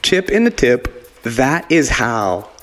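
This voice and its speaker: A man's voice: medium pitch, sing-song, slow pace. A man co-hosting a comedy podcast, riffing playfully through silly ideas. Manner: playful, riffing with sound effects and funny voices. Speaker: podcast co-host. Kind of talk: casual comedy banter.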